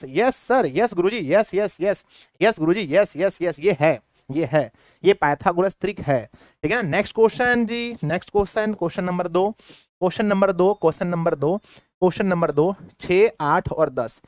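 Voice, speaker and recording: A man teaching maths to school pupils in a lively, playful way, firing questions at the class and acting out their replies. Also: sits high, no echo, studio quality. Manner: playful, acts out students' replies in a sing-song voice. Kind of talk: energetic classroom lesson.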